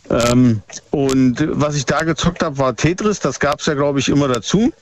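Ein Mann in seinen Fünfzigern aus der ehemaligen DDR ruft bei einer Radiosendung an und erzählt stockend mit vielen „ähm“. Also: male voice, medium pitch, unhurried. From former East Germany. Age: 50s. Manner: hesitant, many fillers. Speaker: caller. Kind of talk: phone call to radio show. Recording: muffled phone line, faint noise.

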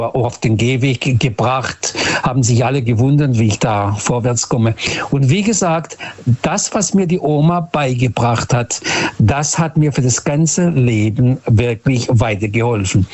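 A man's voice: medium pitch, a little mellow. A man from Portugal speaking German, telling personal stories in an earnest, reflective way with frequent hesitations. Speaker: interviewee. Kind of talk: casual storytelling conversation.

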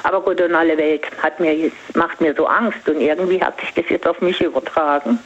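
An older woman calling in, confiding personal matters in halting phrases with pauses. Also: deep voice. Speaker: caller. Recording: dull phone line.

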